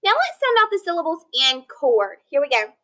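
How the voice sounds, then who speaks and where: A woman's voice: very high-pitched, wildly swooping pitch, a little fast, fairly bright tone. A young adult woman teaching a phonics lesson to children, explaining step by step and sounding things out. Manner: instructional, step-by-step explaining with rhetorical questions and sounded-out letters. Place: classroom, indoors. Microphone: device camera a few feet away.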